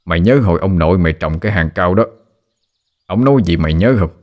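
A man's voice: deep voice, expressive, quick pace, a little mellow. A man voicing a teasing, grumbling father near sixty.

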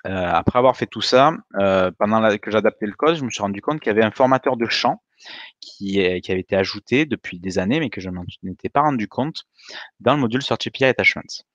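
A man in his thirties presents slides at a meetup over a webcam on a video call, hesitating often with lots of fillers and restarts. His voice is on the low side, expressive and fairly bright, delivered quickly. The sound is lo-fi with no echo.

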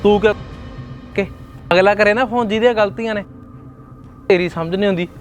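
A man's voice: sits high, soft background music, lightly acted. A man playing an angry young husband who argues hotly with his mother. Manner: heated, rapid, indignant. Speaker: son arguing with his mother. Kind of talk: web series drama acting.

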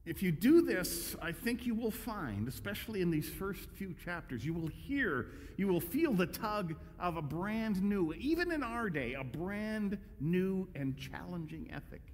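A man's voice: sits high, sing-song, unhurried, few pauses. A male pastor preaching a conversational, emphatic sermon with frequent restarts. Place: church sanctuary. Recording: echoey church hall.

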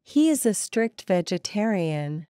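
A woman reading short English practice sentences aloud in a plain, deliberate way. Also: mid-range voice, sing-song, mellow, clear, resonant tone, no room sound, studio quality.

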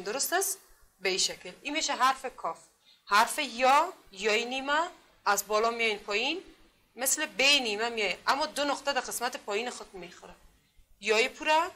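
A woman teaching literacy in a classroom, speaking with an Afghan Dari accent, patiently repeating herself and sounding out letters slowly. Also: on the high side, sharp tone, slight background noise. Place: classroom with a board.

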